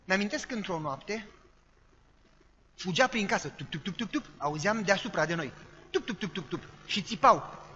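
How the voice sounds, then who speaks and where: A male preacher tells a sermon story and acts out what people said and the noises they made. His voice sits high and sounds bright. The recording is dull, and a long hall reverb trails after his words. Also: lively intonation, long pauses. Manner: dramatic storyteller acting out quoted voices and sound effects.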